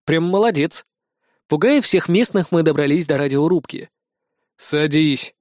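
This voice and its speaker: A lively reader narrates an audiobook in the first person, voice rising and falling with the tale. The hero's own lines come out as a gruff growl. The sound is close and dry. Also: medium pitch, normal speed, dry recording.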